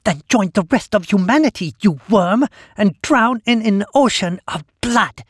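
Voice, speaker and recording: A man's voice: high voice, animated, unhurried, slightly rough, no echo, studio quality, voice pushed up, exaggerated voice. A man voicing a female hive-monster fused into a mass of flesh, speaking in an oily, taunting, zealous way. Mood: enraged.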